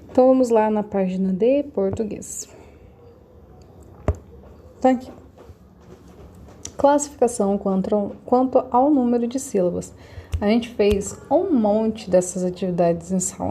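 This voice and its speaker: A woman's voice: fairly high pitch, warm tone, a little hiss or hum. A woman, a schoolteacher patiently explaining lessons step by step to children over a computer mic. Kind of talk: remote class instructions.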